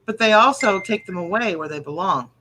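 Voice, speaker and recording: A woman's voice: mid-range voice, expressive, brisk, music in the background. A woman co-hosting a live show in casual chat, with a teasing, correcting manner. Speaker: live online show co-host. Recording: clear background noise.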